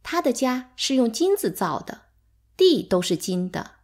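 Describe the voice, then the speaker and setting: A woman narrating a novel as an audiobook reader, in measured, expressive storytelling. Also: a little high.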